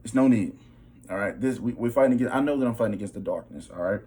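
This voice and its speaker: A man's voice: lowish voice, fast talker, warm tone. A young man giving a personal spiritual testimony in a casual, emphatic way, often checking in with his listeners. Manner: casual, emphatic, repeats "bro" and "okay". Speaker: vlogger.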